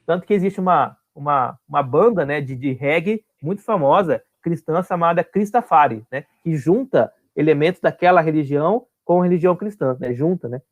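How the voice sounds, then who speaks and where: A man's voice: a little high, lively intonation, moderate pace, hardly any pauses. A man teaching an online class, explaining step by step and often checking that his students follow.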